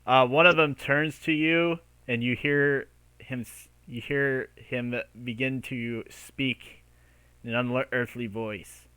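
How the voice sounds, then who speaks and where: A man's voice: mid-range voice, steady tone, takes it slowly, sharp tone, clean tone, no room sound, low-quality recording. A man improvising narration as game master of a tabletop role-playing game, hesitantly piecing scenes together.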